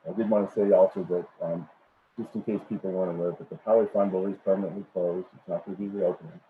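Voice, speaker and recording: A very low-voiced middle-aged man presents a project at a public meeting, his voice muffled as if it came through a wall. The sound is thin and phone-like, with faint noise under it, and he keeps stopping on ums and repeated words. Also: flat delivery, fast. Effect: muffled, as if heard through a wall. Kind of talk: formal presentation over a video call. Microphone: computer microphone on a video call.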